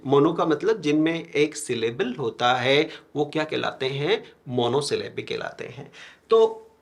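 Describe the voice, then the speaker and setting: A man teaching a classroom lecture, his voice sitting a little high for a man. He speaks in an Indian English accent, moving slowly and deliberately as he poses questions to his students and answers them himself. He pauses to write on a board between points. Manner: explains step by step with frequent questions to students; writes on a board while talking.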